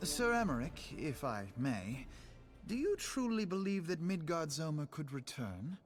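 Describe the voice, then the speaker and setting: An actor playing an earnest, shrewd, well-bred young envoy in a fantasy game, speaking formally and pointedly. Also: male voice, a little high, sing-song, a little slow, faint music behind. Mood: probing, pointed. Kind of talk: fantasy video game acting.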